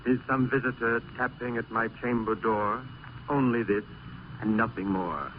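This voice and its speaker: A man's voice: medium pitch, moderate pace, natural voice. An actor playing a brooding, fervent male poet in an old-time radio drama, declaiming in a theatrical way. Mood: weary, brooding. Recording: muffled, noisy vintage radio recording.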